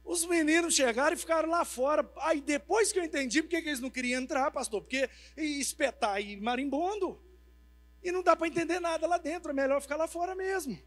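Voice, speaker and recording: A man preaching a sermon, telling humorous stories in a lively, colloquial way. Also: extremely high pitch, brisk. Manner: lively, humorous, tells anecdotes; informal, colloquial speech. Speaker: pastor. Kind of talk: storytelling sermon. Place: church.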